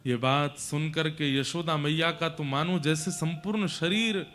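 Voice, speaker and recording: A man's voice: on the high side, a little slow, fairly bright tone. A man narrating a devotional scripture story with emotive, dramatic delivery.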